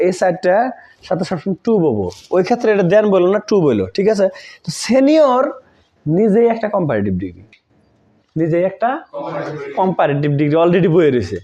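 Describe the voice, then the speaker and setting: A man's voice: sits high, big pitch swings, brisk, mellow. A man teaching an English grammar lesson, repeating key words and checking that students follow. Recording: dull lo-fi recording.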